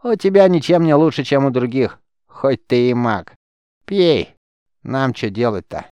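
A man's voice: mid-range voice, animated, unhurried, dark tone, clean tone, no echo, voice pushed up, natural voice. A man voicing a tough, sardonic woman warrior who talks bluntly and plainly. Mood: wry. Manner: wry, blunt, plain-spoken.

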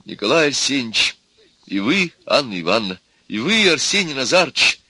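A man's voice: medium pitch, very animated, moderate pace, bright, forceful tone, slightly rough, no echo, voice pushed up, exaggerated voice. A man voicing a nervous, eager young student suitor who makes speeches. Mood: earnest.

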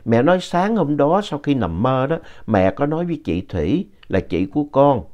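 A man narrating a ghost story in an unhurried, conversational way, adding explanatory asides. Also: mid-range voice, sing-song, a little mellow. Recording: dull lo-fi audio.

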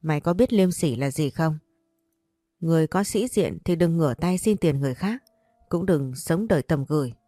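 A woman reads a sharp-tongued mother in a storybook, scolding and cutting, her voice a little low. The reading is close and dry, with faint music behind. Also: lively intonation, moderate pace, dry recording. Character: harsh scolding middle-aged mother, market seller.

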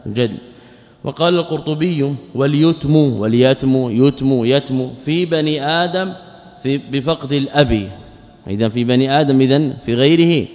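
A man's voice: medium pitch, a little mellow. A man giving an explanatory religious lesson as a scholar, working methodically through word forms and asking himself questions before answering. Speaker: Islamic scholar teaching a creed text. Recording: dull lo-fi audio with long reverb.

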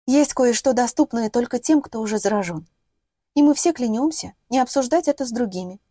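A woman's voice: on the high side, animated, a little fast, mellow, no room sound. Woman voicing a guarded teenage girl. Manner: guarded, hesitant.

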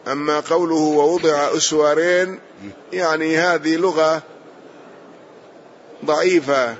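Male sheikh, patient explainer of texts, somewhat high voice, dull recording. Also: steady tone, a little slow, a little hiss or hum. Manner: explains patiently, adds short glosses and affirmations. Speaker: sheikh explaining a hadith commentary. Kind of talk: classical Islamic lesson, explaining a read text. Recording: dull lo-fi audio.

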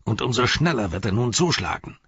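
An agitated, gruff male dwarf warrior, voiced by a man reading aloud, cries out in alarm. The voice sits clearly higher than the reader's deep, husky narration. It has a dull, dry audiobook sound. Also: big pitch swings, fairly quick, a bit bright, no room sound, exaggerated voice. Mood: urgent. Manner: alarmed, exclaiming.

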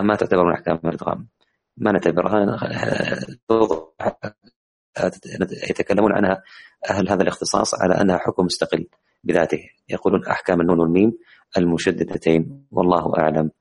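A man teaching the rules of Quran recitation in an online class, explaining with many hesitant, drawn-out fillers. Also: low voice, creaky, a little mellow.

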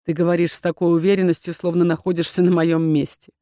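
Woman doing a cold duke, low and slow, flat delivery, dry sound. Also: no echo, natural voice. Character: cold, weary aristocratic man, a duke.

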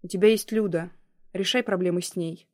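A woman voicing a frightened young heroine, speaking in a strained, quiet way. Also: lowish voice, steady tone, fairly quick, no room sound, clean studio sound, natural voice. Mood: tense.

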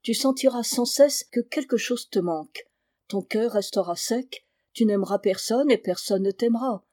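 A woman's voice: a little high, moderate pace, dark tone, no echo, clean studio sound, close to an everyday voice. A woman voicing a stern village schoolmaster lecturing a pupil. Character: stern moralizing village schoolmaster, older man.

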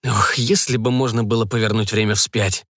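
A male narrator voicing a shy, earnest young man in an audiobook, speaking a touch higher than his own voice. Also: steady tone, normal speed, fairly bright tone, dry recording, clean studio sound. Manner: hesitant and earnest. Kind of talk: audiobook reading.

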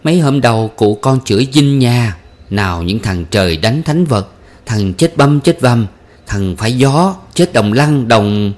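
A man's voice: mid-range voice, a little slow, a little mellow, pitched above the performer's own voice, natural voice. A man voicing a sly, cheeky young servant girl in a storybook reading, tattling in a slightly raised voice.

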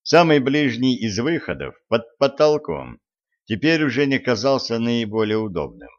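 A man reading fantasy fiction aloud as an audiobook narrator in a measured, even way. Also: medium pitch. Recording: muffled lo-fi recording.

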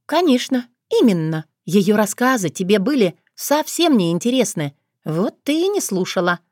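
Woman reads a storybook older sister, teasing and blunt, lively pitch, dry recording. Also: normal speed, no echo. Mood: lecturing. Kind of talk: audiobook character voice.

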